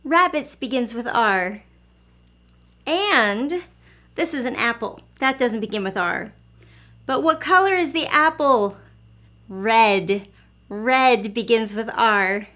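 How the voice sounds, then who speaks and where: Speaking to little kids during an early learning lesson and story read-aloud, a woman uses a slightly high voice with lively intonation and a sharp tone. She encourages them in simple terms and pauses after asking questions.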